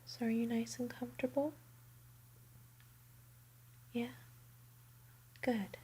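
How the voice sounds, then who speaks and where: A woman doing a bedtime ASMR roleplay in a soft, soothing whisper. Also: fairly high pitch, steady tone, slow, breathy edge.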